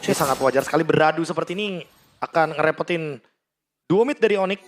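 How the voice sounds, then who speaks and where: A man's voice: on the high side, quick pace. An Indonesian man giving conversational, explanatory commentary as an analyst on an esports match. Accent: Indonesian, colloquial. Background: music.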